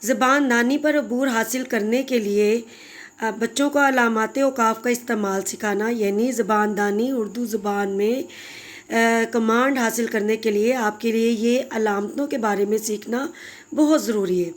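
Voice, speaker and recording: Female teacher, fairly high-pitched, warm and patient, explaining a lesson to children. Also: measured pace. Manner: patient, explanatory, addresses pupils fondly. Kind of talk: recorded grammar lesson for children.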